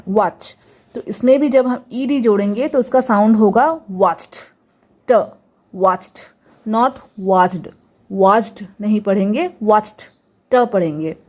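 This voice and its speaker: Patient, mellow-voiced woman teacher. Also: fairly high pitch. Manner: patient, repeats each example word slowly, asks rhetorical questions. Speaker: English pronunciation teacher. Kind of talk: Hindi-language lesson on English pronunciation.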